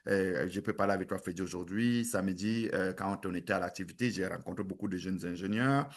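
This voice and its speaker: A man's voice: low-pitched, brisk. Earnest stammering man from Cameroon. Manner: earnest, repeats words and stammers while searching. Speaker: guest, president of an engineers' network. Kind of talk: casual interview chat.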